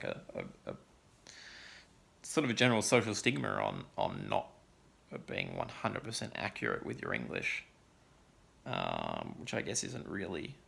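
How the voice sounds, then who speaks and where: Low, gravelly man rambling casually. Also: pushed and bright. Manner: rambling, many ums and likes. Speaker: vlogger. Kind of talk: casual chat vlog.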